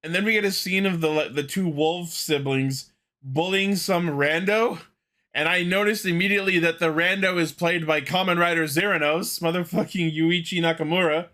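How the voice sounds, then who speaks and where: A man with a fairly high-pitched voice that comes across bright and forceful. He talks like a fan on a podcast, recapping a show in casual, animated, profane chat. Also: normal speed. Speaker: podcast co-host.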